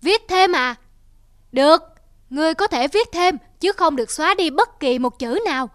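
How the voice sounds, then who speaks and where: A woman's voice: high voice, expressive, moderate pace, no room sound, clean studio sound. A woman voicing an emperor in a children's cartoon, speaking in a commanding, pleased way. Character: jovial old emperor. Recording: loud music bed behind voice.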